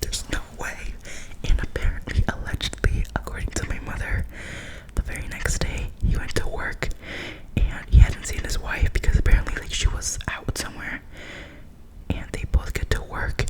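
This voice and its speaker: The audio is poor on this whispered ASMR storytime from a young woman. She gossips and chats in casual slang, retelling things with animated flair and drama.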